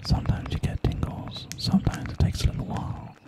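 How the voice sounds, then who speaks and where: A man whispering casually and reassuringly as an ASMR live streamer, chatting unhurriedly with his viewers. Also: a little fast.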